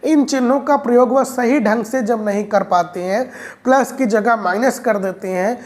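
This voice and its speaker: At normal speed, in a slightly high voice with a darkish tone, an exam-prep teacher delivers an explanatory video lecture. Her style is repetitive drilling of key points, and she frequently refers to her viewers as "friends."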